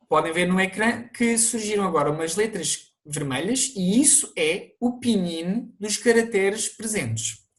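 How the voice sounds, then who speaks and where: A teacher with a European Portuguese accent, narrating an online language lesson and explaining things to viewers, with the odd restart. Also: mid-range voice.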